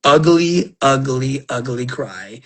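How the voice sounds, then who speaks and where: Slow and fairly bright, with lively intonation in a mid-range voice, a middle-aged man opens trading cards on a casual stream. He talks to viewers in rambling, emotional stories, full of fillers and restarts, while he gets over an illness.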